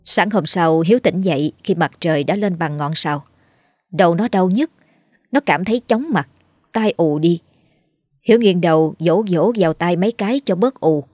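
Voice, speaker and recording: A woman narrating a ghost story in a steady, dramatic storytelling voice. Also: on the low side, normal speed, dry recording, clean studio sound.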